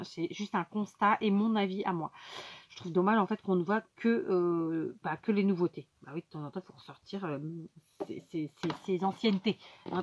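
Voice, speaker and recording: Woman doing a craft tutorial, chatty, lots of euh and little asides, faint hiss in the background. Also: mid-range voice. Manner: chatty, explains while working, many fillers and asides; talks directly to viewers.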